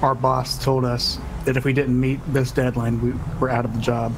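Relaxed man on game voice chat. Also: medium pitch, moderate pace, creaky, noisy background. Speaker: fellow roleplay player. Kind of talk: casual voice chat during game roleplay.

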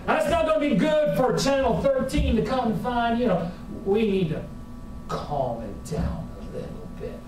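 A man in his forties preaching a sermon to a congregation, with folksy, humorous and animated storytelling. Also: very high voice, a little slow. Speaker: pastor. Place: church sanctuary with a congregation. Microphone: far camera at the back of the room. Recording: very echoey church hall from far off.

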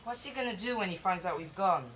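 A prissy younger sibling played by a woman corrects and frets in a bright, tense voice. The delivery is pedantic and nervous. Faint noise sits behind the outdoor stage. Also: mid-range voice, expressive, fast talker, close to an everyday voice. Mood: prim.

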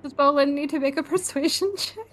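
A woman playing a tabletop game, giggly and hesitant as she talks. Her voice sits high. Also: brisk, a bit bright, slight background noise. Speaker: player.

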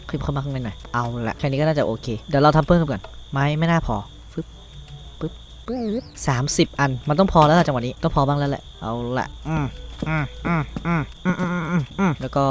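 A man's voice: fairly high pitch, slight background noise. Teen Thai guy rambling over gameplay. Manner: rambling, talks to himself while crafting, casual swearing. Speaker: gaming YouTuber. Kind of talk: Minecraft let's play commentary.

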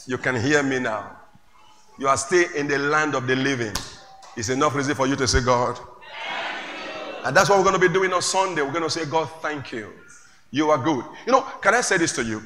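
A male pastor preaching a sermon to a congregation, calling out questions and rising to shouts. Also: a little high, animated, fast. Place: church hall with congregation. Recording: echoey church hall, faint room noise.

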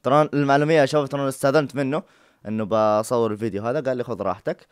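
A man's voice: medium pitch, fairly even intonation, very fast, clean tone, no room sound, clean studio sound. A man commenting on a prank video in a joking, teasing way. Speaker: YouTuber reacting to a prank video. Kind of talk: casual reaction commentary.

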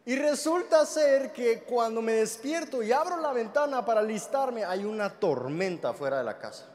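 A man's voice: very high voice, expressive, moderate pace, a little mellow. A young man preaching a sermon, telling a story with humor and acting out the dialogue. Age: young adult. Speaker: pastor. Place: large church hall. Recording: reverberant hall with faint noise.

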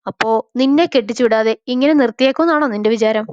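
A woman's voice: on the high side, fast talker, darkish tone, clear, resonant tone, dry recording, close to an everyday voice. A woman voicing a young man who teases his younger sister fondly, on a slightly dull, dry recording. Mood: teasing. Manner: affectionate and teasing. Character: young man, fond, teasing elder brother.

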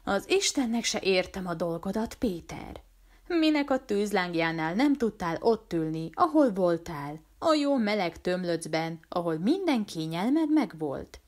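A rough backwoods man with a good heart, as a woman reads him aloud, speaking bluntly and scolding without malice. His voice sits fairly low, with a plain, direct delivery. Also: sing-song, darkish tone. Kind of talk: audiobook character voice.

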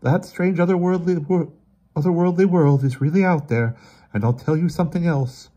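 A man voices a storybook character, a grave, weary brother who is shaken but insistent and urgent. His voice rides high and strained above a normal speaking level, emphatic, exasperated and theatrical, yet mellow, lightly acted and at a moderate pace.

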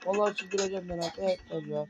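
High-voiced man in frantic game commentary. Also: steady tone, fast talker, dull audio, over loud music. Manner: frantic, complaining, repeats words and calls to viewers. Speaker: gaming video creator. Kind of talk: excited let's-play commentary.

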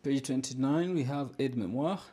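A man teaching a recorded French lesson in English, explaining slowly and repeating each phrase, filmed with a camera held over a textbook on a desk. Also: medium pitch, dark tone, a little hiss or hum.

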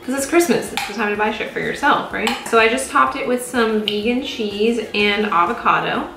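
A woman's voice: a little high, moderate pace, echoey room, music in the background. A woman in her twenties chatting casually and rambling through a cooking vlog in a small home kitchen, recorded on a close camera mic. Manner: chatty, rambling, self-mocking. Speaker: vlogger.

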